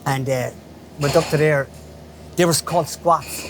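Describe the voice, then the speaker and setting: Unhurried and fairly even in intonation, a man with a higher-than-average voice, a Galway window cleaner in his fifties, reminisces casually for an interviewer. He's colloquial and chatty, often checking in with "you know," while traffic noise fills the street around him.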